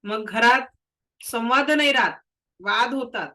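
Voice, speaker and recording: A woman's voice: on the high side, takes it slowly, sharp tone, low-quality recording. A woman teaching a reiki class. She has a cold and cough, and she explains patiently with case stories. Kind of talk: spoken lesson to students.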